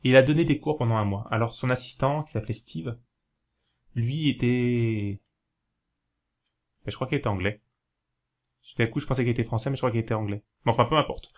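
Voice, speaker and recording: A man of ordinary pitch from France chats to his viewers in a loose, unscripted way. He wanders, restarts his sentences and fills pauses with hesitations. When he spells something out, he slows right down and takes it step by step. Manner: rambling, hesitant, many fillers and self-corrections; explains slowly, spelling things out while writing. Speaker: video host giving learning tips. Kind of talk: casual talk to camera.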